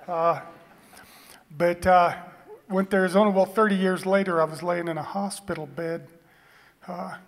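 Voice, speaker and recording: In a reverberant hall, a middle-aged man tells stories at a cowboy poetry gathering. His voice sits a little high, and he talks in a halting, plainspoken, folksy way. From Eastern Oregon, United States. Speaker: cowboy poet introducing his poem. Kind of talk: cowboy poetry gathering stage talk, anecdotal storytelling. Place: stage in a hall.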